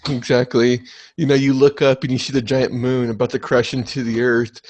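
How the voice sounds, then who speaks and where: A young man hosting a casual podcast, chatting excitedly and swearing often. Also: mid-range voice, brisk. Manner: excitable, swears a lot, animated. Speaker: podcast host.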